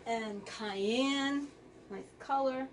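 A woman with a slightly high voice hosts a casual live sale, chatting as she goes. She sits some way back from the microphone, and a faint room hiss runs underneath. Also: drawn-out words, distant mic. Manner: chatty, reads out fabric color names. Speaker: quilt shop host.

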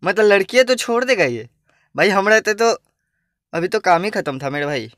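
A man's voice: high voice, expressive, normal speed, very noisy. A young man hosting a live reaction video, exclaiming often and laughing at what he watches. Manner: keeps exclaiming and laughing at clips.

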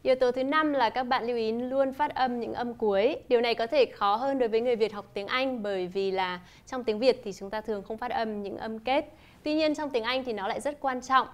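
A woman teaching a lesson, explaining in a clear, measured way and demonstrating example phrases. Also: a little high. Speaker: English teacher. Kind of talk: scripted lesson narration.

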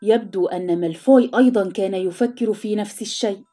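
A woman narrating a storybook in an expressive, dramatic reading style. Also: mid-range voice, fast, faint music behind.

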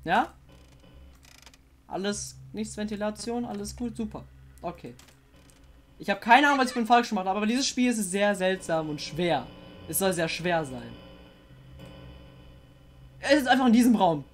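A woman playing a horror game and commenting, jumpy and excitable, often swearing and coaxing the monster on screen. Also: medium pitch, normal speed, pauses often. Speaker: let's player.

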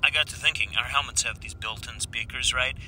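A man's voice: mid-range voice, fairly even intonation, fairly quick, pushed and bright, slight background noise, rough recording. An actor playing an eager young male rookie stormtrooper in a comedy film, rambling in a casual, awkward way. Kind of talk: short comedy film dialogue.

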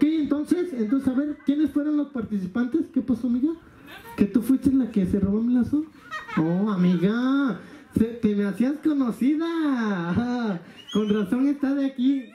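A man's voice: very high-pitched, lo-fi sound. A man hosting a live party as a clown, teasing the audience and joking with guests. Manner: teasing, jokey, calls everyone amigo. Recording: echoey hall with crowd noise.

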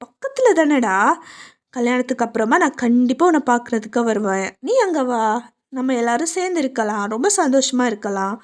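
A playful young sister who teases and sulks, as a woman puts her on for an audio storybook. Her voice sits very high and climbs higher when she complains. She sounds bright, quick and a little whiny. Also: animated, natural voice. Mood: tender. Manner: whiny and teasing, high pitched.

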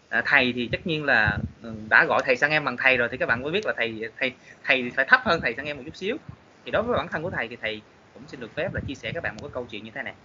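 A man's voice: medium pitch, bright, forceful tone, muffled recording, a little hiss or hum. A man, a tour guide telling an anecdote on stage in a polite, formal way with many fillers. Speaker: guest speaker, tour guide.

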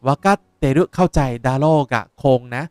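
A young man, a language teacher explaining words in a lively way while playing a game. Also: moderate pace, no room sound, clean studio sound. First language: Japanese. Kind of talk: game playthrough lesson.

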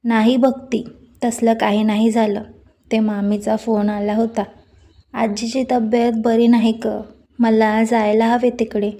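A woman voicing a gentle, soft-spoken young woman who speaks hesitantly in a storybook reading. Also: on the high side, level tone, measured pace.

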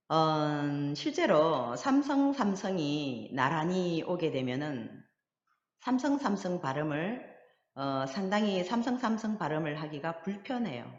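Woman language teacher, deep and slow, patient drill style, echoey roomy audio. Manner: patient, models pronunciation slowly for learners to repeat. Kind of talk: recorded language lesson. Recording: dull lo-fi audio with long hall echo.

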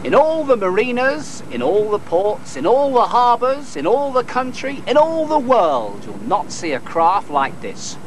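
A man reporting a news feature, narrating and interviewing with a lively, playful delivery. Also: high voice, measured pace, hardly any pauses, a little hiss or hum, rough recording.

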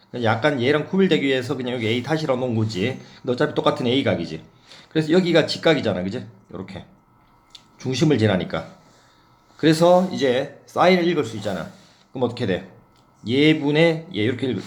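A man teaching a math lesson in a casual, chatty way, talking through his board work and often checking in with the listener. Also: mid-range voice.

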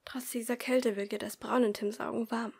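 A woman reading a first-person story as an amateur audiobook, expressive, dropping to a whisper for the narrator's inner thoughts. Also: a little high, normal speed, vocal fry, breathy edge. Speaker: audiobook reader.

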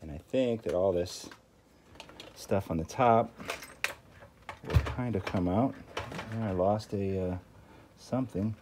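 At an indoor work table, a man with a deep, darkish voice talks slowly and pauses frequently while walking through a repair. He hosts a tinkering channel and muses aloud in a folksy, casual style. Background noise, clicks, and handling sounds are clear.

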